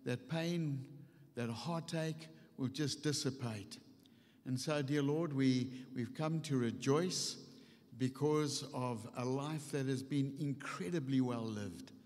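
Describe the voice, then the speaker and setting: A man's voice: mid-range voice, darkish tone. An older man, a pastor, leading an earnest public prayer in unscripted, repeating phrases. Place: church stage at a lectern, indoors. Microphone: microphone on a stand at the lectern. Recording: long hall reverb.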